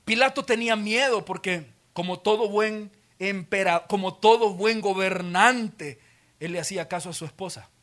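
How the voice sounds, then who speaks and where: A Salvadoran man preaches in a church auditorium with a high, bright, forceful voice. He tells the story with drama and slips into the voices of its characters as he goes. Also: normal speed. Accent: Salvadoran Spanish. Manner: dramatic storytelling, acting out scenes with many voices. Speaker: pastor. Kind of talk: sermon.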